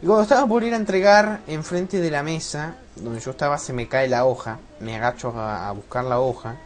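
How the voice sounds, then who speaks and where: A man's voice: fairly high pitch, brisk. A teenage boy with a Rioplatense Spanish accent, rambling and swearing a lot as he chats over his gameplay into a loose mic. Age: teen. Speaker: gameplay commentator. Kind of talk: rambling let's-play chat. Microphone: loose desk mic that keeps slipping.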